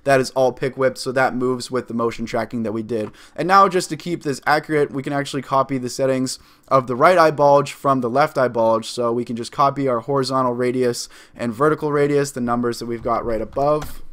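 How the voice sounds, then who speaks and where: A man in his twenties giving an upbeat, step-by-step screen-recorded software tutorial from a desk in a small room. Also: mid-range voice, fairly even intonation, brisk. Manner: upbeat, instructive, walks through each click step by step. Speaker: video editing tutor.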